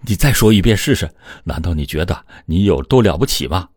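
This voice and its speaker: A man's voice: low-pitched, lively intonation, brisk, a little mellow, dry recording, clean studio sound. A man voicing a hurt, desperate young husband in a dramatized true-crime retelling, pleading and lashing out. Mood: angry. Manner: pleading, then heated outbursts.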